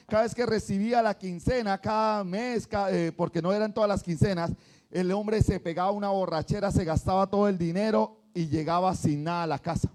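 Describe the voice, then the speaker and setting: A man preaches a sermon in a church. His voice sits high for a man. He talks animatedly and acts out what churchgoers say. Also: darkish tone. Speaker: pastor.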